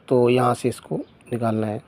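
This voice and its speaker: A man teaching Quran reading. He drills syllables in a slow chant, then explains quickly in a lower voice. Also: little pitch movement, a little mellow.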